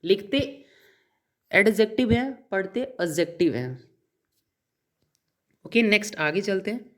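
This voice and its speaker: A man's voice: high voice, expressive, slow, a bit bright. Man quizzing students through a vocabulary lesson. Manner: asks the class a question, then answers it himself; mixes in English words and spells them out letter by letter. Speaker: English teacher. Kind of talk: exam-prep vocabulary lesson.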